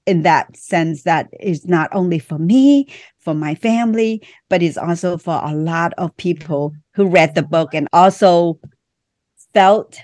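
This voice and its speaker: A middle-aged woman from Vietnam with a Vietnamese accent talks about her life as a guest on a podcast. Her voice sits a little low and sounds dry and close to the mic. She speaks earnestly, in short, heartfelt phrases. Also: measured pace, a little mellow, no echo. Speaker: author and guest. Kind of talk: podcast interview.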